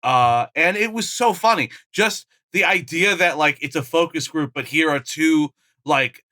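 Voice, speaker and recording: A man's voice: on the high side, measured pace, bright, forceful tone, dry recording. A man co-hosting a comedy podcast, chatting casually and enthusiastically, laughing often. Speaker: podcast co-host. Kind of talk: casual chat.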